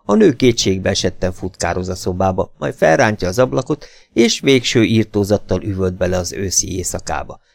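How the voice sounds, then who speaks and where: A man reading a novel aloud as an expressive, dramatic audiobook narrator. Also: low-pitched, creaky, dry recording, clean studio sound.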